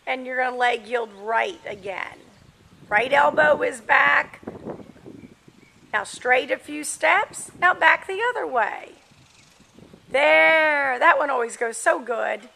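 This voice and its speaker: A woman coaching a riding lesson, giving brisk, projected commands in short clipped phrases. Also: high voice, gravelly, bright, forceful tone, slight background noise, low-quality recording. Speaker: horse riding instructor. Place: outdoors in a large open-sided covered riding arena.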